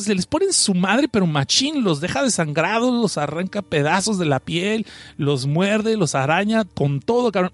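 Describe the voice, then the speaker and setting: A man with a Mexican accent retelling a story in casual, profane commentary, animated and full of slang. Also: sits high. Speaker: anime and manga reviewer.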